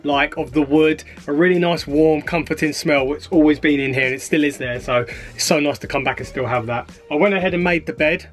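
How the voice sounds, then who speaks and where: A man's voice: on the high side, fairly quick, soft background music. A man vlogging, chatting casually to the camera and to his partner.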